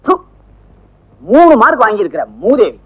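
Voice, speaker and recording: Shrill, blustering schoolteacher. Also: male voice, very animated, moderate pace, full character voice, rough recording. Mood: scolding. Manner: shouting, mixes English and Hindi, comic bluster. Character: blustering, pompous male Hindi teacher. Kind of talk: 1980s film acting.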